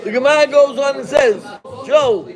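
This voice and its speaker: A man teaching a Talmud class, animated and joking, calling on students by name. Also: extremely high pitch, normal speed, crowd noise.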